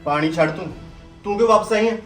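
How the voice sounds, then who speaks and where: A man as a fast, hot-tempered Punjabi husband. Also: fairly high pitch, close to an everyday voice. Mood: accusing. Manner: hot-tempered, quick, accusing. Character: hot-tempered young husband suspicious of his wife. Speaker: angry husband and son. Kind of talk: family drama acting. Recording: roomy echo, faint music.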